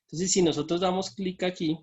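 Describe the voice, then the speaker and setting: A man's voice: sits high, steady tone, a little fast, a little mellow, husky, lo-fi sound. A man teaching an online math lesson from his computer, explaining each step and checking in with his students.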